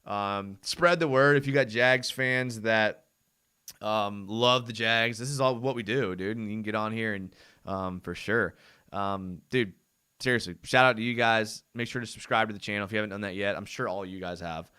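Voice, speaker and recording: His voice sits on the low side, smooth with a sharp tone, at normal speed: a young man hosting a casual live fan stream. He rambles in a laid-back manner, dropping "dude," "I mean," and other fillers often, and his voice is tiring and getting hoarse after extended talking.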